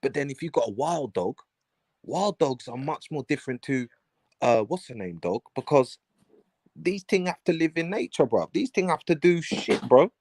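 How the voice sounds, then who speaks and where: A man's voice: on the high side, lively intonation, moderate pace, a little mellow, dry recording, studio quality. A man arguing in a casual chat, slangy and emphatic.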